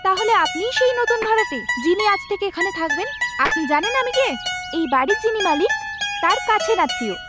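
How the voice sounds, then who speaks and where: A female dubbing actor plays a bold, demanding young woman with a very high, lively voice. Her lines tease and make demands. Loud film music plays under her. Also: fairly quick. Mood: teasing. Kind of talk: Bengali movie dub.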